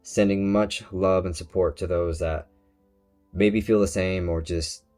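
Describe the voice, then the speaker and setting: A man with a very low voice hosts his own channel in a passionate solo commentary. He talks emphatically and preachily, firing off rhetorical questions at his viewers. Faint music plays quietly behind him. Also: fairly even intonation, a little slow. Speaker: channel host.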